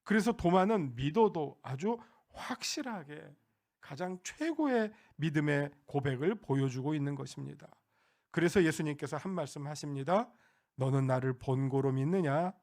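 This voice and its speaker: A pastor preaching a Sunday sermon, talking directly to the congregation in a conversational way with frequent hesitations. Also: male voice, on the high side, expressive, moderate pace, darkish tone.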